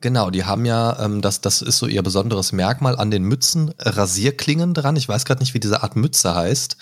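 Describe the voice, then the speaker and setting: This man hosts a podcast in a fairly low voice at a moderate pace, chatting casually and frequently throwing in filler words and tag questions.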